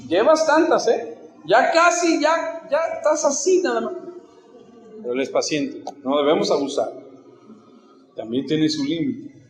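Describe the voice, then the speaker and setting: A man's voice: on the high side, a little mellow, echoey room, low-quality recording. A man preaching a sermon in a folksy way, mixing jokes and stories into his teaching. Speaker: pastor. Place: church.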